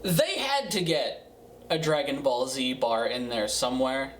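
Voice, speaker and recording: A man giving a casual, profane music review in a tipsy, rambling way, halting and repeating himself. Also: medium pitch, fairly bright tone. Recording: roomy, distant mic, faint noise.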